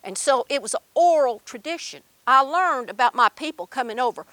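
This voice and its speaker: A woman's voice: high-pitched, expressive, fairly quick, a bit bright, dry recording. An older woman with an Appalachian accent, telling stories and memories in a folksy, emphatic way with dialect grammar. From Appalachian Mountains, Kentucky, USA. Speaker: storyteller. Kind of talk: live oral storytelling and personal reminiscence.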